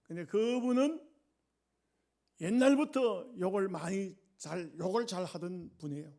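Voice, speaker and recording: A male pastor preaching a sermon, telling a story dramatically and often letting his voice sink low and quiet. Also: unhurried, creaky.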